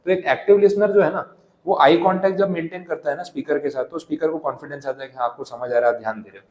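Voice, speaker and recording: A man teaching a classroom lecture, explaining slowly with everyday examples and reading English passages aloud at a slow pace. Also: fairly high pitch, darkish tone, roomy sound, poor audio.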